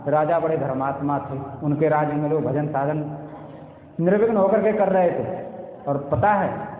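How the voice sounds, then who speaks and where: Man doing a gentle old sage father, reproachful, raised pitch, phone-thin sound in a hall. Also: moderate pace, close to an everyday voice. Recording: tinny echoey hall sound.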